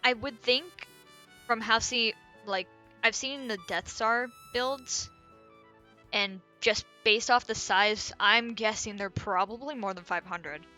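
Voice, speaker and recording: Drawing while she chats, this woman streamer rambles and mutters to herself, thinking aloud in a casual way. She speaks slowly in a fairly high voice that is bright and forceful. There's faint background music.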